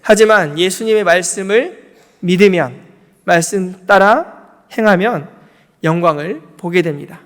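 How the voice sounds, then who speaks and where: A man's voice: sits high, measured pace, a bit bright, in a large hall. A male pastor preaching a sermon to his congregation, emphatic and asking them questions. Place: church sanctuary.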